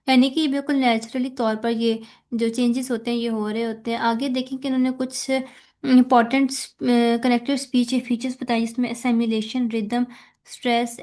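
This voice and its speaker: Pakistani-accented female lecturer, slightly high voice, patient step-by-step explanations with English terms mixed in. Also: a little mellow. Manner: explains step by step, mixing English terms, often checks "theek hai". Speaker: teacher. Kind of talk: recorded lecture explaining slides.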